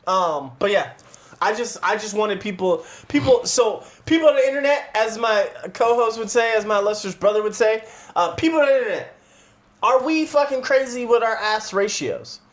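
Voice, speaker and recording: A man's voice: high voice, expressive, moderate pace. A man co-hosting a podcast, bantering in a loose, profane, laughing way. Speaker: podcast co-host. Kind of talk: casual crude banter.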